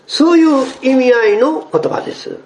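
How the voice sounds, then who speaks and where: A male pastor preaching a sermon to his congregation, expressive and acting out the quoted speech. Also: very high-pitched, moderate pace, echoey room.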